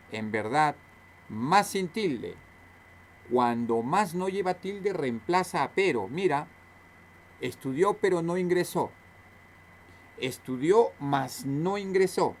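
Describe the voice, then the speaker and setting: A man's voice: a little high, slight background noise. A male teacher, explaining a lesson aloud in a recorded class, repeating points and asking questions he then answers himself.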